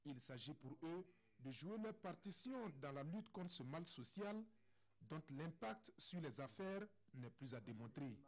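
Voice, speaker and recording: A man with a Burkinabe French accent reading a scripted television news report in a measured, formal tone. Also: fairly high pitch, expressive.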